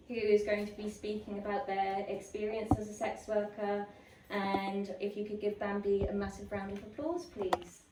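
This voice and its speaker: A woman hosting an event, welcoming the audience and introducing a speaker. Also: medium pitch. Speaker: host. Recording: echoey room from far off, noise.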